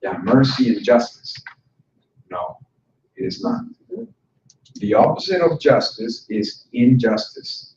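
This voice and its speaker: Speaking to an audience of instructors in a conference room, a man delivers a conversational presentation with the occasional joke. His medium-pitched voice is slow with lively intonation and frequent pauses. The recording comes from a distant mic, roomy, dull and a bit noisy.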